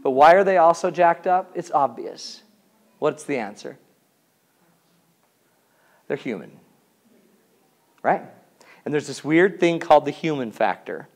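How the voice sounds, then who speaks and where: Jokey 40s guy teaching a class, asks the room lots of questions, voice on the high side. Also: animated, a little slow, long pauses. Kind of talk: comedic lecture to a class.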